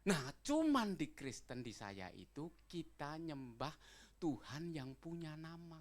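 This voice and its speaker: A man's voice: fairly high pitch, slow pace. A male pastor, preaching a sermon and acting out everyday dialogues in casual slang. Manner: lively preaching, swings between loud calls and quiet asides; acts out little dialogues with casual Jakarta slang. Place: church service.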